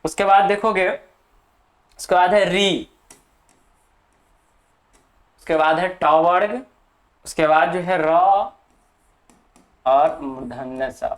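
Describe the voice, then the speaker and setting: A teacher giving a grammar lesson for exam students, dictating for notes, repeating key terms and often checking in with the class. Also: mid-range voice. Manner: slow, deliberate, dictating for notes.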